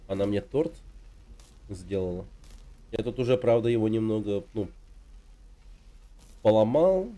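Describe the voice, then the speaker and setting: A man in his thirties from Russia chatting casually on his game stream, relaxed and rambling, with lots of filler words. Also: on the low side. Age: 30s.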